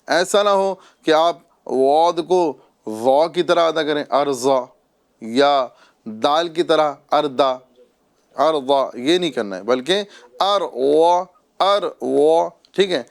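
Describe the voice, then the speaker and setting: A male Quran recitation teacher with a voice set a little high. He drills pronunciation slowly, stretching each syllable and repeating every example several times. Between drills he keeps checking in with his listeners. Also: clean tone. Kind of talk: Quran reading lesson.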